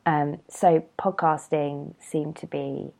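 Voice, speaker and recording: Slow and creaky, this young British woman speaks in a low, slightly mellow voice with fairly even intonation. She's congested with a cold while hosting a solo podcast, wandering off a bit in an informal, self-mocking way.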